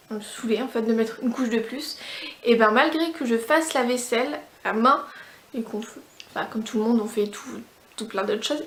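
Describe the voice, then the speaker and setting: A woman's voice: fairly high pitch, reverberant. A woman from France chatting casually through a beauty product review, with lots of fillers and restarts. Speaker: beauty vlogger.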